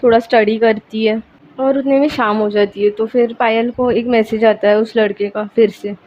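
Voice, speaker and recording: A woman's voice: a little high, fairly even intonation, moderate pace. A woman narrating a romance story in a casual, chatty way, linking events with "so then", on a dull, lo-fi recording with faint hiss.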